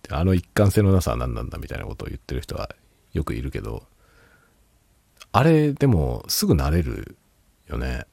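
A man's voice: extremely low pitch, big pitch swings, normal speed, creaky, long pauses, a little mellow, husky, no room sound, clean studio sound. A man hosting a casual solo talk show, rambling and laughing a lot while tipsy. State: drunk. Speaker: podcast host.

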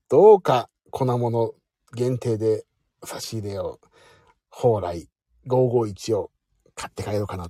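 A man's voice: lowish voice, no echo, studio quality. A man casually chatting and signing off on a late-night live audio stream, joking about himself as he talks to his listeners. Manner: chatty, self-mocking, warm sign-off to listeners.

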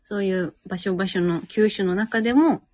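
A woman's voice: mid-range voice, moderate pace, darkish tone, no echo. A woman in her twenties with a Miyazaki dialect, co-hosting a casual chat podcast, talking freely and laughing often. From Miyazaki, Japan. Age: 20s. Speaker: podcast co-host.

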